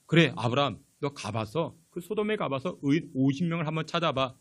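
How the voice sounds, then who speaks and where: A preacher giving voice to God, answering calmly and patiently in a sermon. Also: male voice, on the high side, brisk, voice pushed down.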